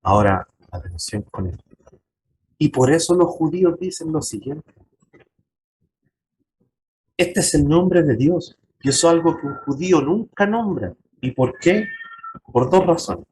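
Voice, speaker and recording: A man's voice: a little high, sing-song, measured pace, long pauses, darkish tone, a little hiss or hum, poor audio. A man pastor teaching a Bible class to his congregation, emphatic, turning to them with direct questions. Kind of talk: church Bible lesson.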